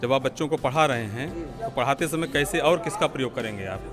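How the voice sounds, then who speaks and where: A man's voice: mid-range voice, animated, brisk, over music. A man interviewing teachers at an outdoor teaching fair, asking probing questions and explaining points at length.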